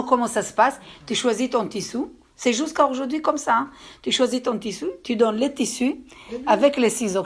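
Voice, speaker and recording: A woman with an accent giving a religious lesson to a group, telling stories in a halting way and often checking that her listeners understood. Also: on the high side. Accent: speaks with an accent. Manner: storytelling, with halting restarts. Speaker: religious teacher. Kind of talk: lecture to a group.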